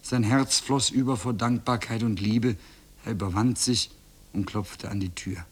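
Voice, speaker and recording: A man reading a children's classic aloud on radio in a calm, measured storytelling voice. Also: fairly low pitch, breathy edge. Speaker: reader.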